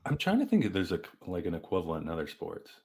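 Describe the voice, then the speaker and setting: A man co-hosting a podcast, chatting casually about sports with lively restarts. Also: low voice, gravelly. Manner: animated, fast back-and-forth with restarts. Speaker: podcast co-host.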